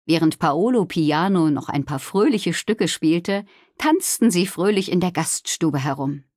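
A woman narrating a children's story in a lively, expressive storytelling voice. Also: on the low side, unhurried, no room sound, clean studio sound. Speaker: audiobook reader.

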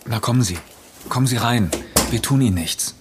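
An actor playing a calm, reasonable young man in a radio play, with music behind. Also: medium pitch, fairly quick, noisy background, close to an everyday voice.

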